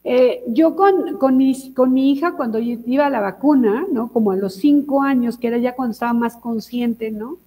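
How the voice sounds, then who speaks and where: A woman co-hosts a casual talk show, telling stories with lively energy. Her voice sits high yet sounds soft and mellow. A long reverb trails behind her words. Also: moderate pace, hardly any pauses. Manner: lively storyteller, demonstrates techniques. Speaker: co-host. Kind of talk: casual chat.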